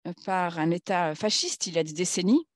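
At a conference, a woman with a fairly low voice gives a formal political talk. She halts often, searching for words, and the recording has no echo.

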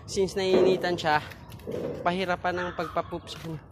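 A man's voice: high-pitched, flat delivery, normal speed. A man chatting in a casual vlog, teasing and scolding his puppy in playful baby talk. He is recorded outdoors on a phone camera. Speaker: vlogger. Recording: outdoor noise behind.

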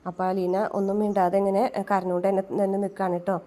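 A woman's voice: mid-range voice, completely flat delivery, rapid-fire, mellow. A woman casually retelling a TV serial episode, chatty and quoting the characters. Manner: chatty, tags lines with "kettō". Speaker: serial recap narrator.

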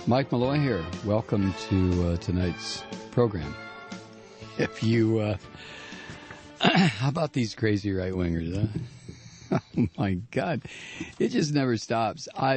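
A man's voice: fairly low pitch, animated, a little slow, vocal fry, a little mellow, faint music behind. A man hosting a political radio talk show, delivering a sarcastic, indignant monologue.

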